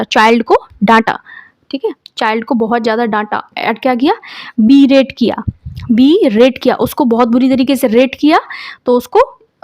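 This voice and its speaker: A woman's voice: a little high, no room sound. Indian woman teacher spelling out words. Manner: spells words out letter by letter with memory tricks. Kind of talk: exam vocabulary lesson.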